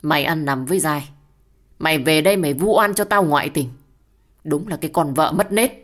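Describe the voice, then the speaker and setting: A woman voicing an angry, violent husband who shouts harsh, contemptuous words. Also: sits low, moderate pace. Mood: furious.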